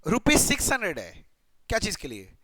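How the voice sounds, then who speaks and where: A young man teaches accounting in a chatty, playful lecture, often questioning students and muttering as he writes. His voice is high-pitched and sharp, with huge pitch swings and a brisk pace, recorded with no room sound.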